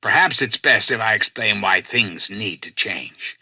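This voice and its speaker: A male actor playing a self-styled president in a video game, a calculating artificial intelligence who speaks in formal, measured, persuasive oratory. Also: fairly low pitch, animated, vocal fry, bright, forceful tone, husky, dry recording, exaggerated voice. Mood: persuasive, earnest. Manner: grandiose, measured, courteous, persuasive. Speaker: president addressing personnel and listeners.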